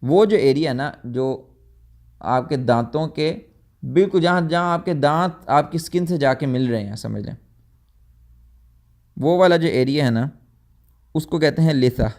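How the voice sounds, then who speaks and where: A man's voice: fairly high pitch, long pauses, darkish tone. A man giving a tajweed lecture, explaining step by step, sometimes correcting himself and mixing in English words. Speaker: tajweed teacher. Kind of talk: recorded lecture.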